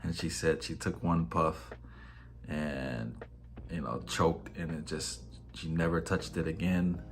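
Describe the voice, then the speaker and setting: A man recalling family stories in an interview, speaking hesitantly with frequent pauses. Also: rumbling low, steady tone. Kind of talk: reflective interview.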